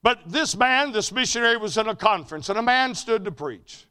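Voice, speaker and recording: A male preacher delivers a sermon in a bright, forceful voice pitched a little high. He climbs to loud, emphatic peaks, then sinks back to a low, quiet delivery. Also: animated, fairly quick, clear, resonant tone. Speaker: preacher at a mission conference.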